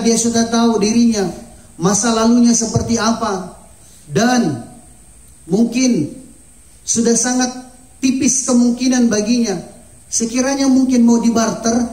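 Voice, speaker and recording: High-voiced man teaching in echoey room. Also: warm tone. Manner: earnest teaching tone, reads Arabic text slowly. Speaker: religious teacher. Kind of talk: sermon-style book study.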